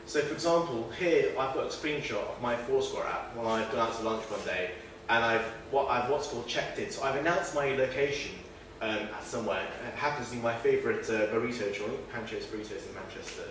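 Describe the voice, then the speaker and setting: Brisk and a bit bright, the medium-pitched voice belongs to a meetup presenter giving a chatty, self-deprecating informal talk full of fillers and restarts. He is not from northern England and sits far from the mic in a very echoey event room with faint noise.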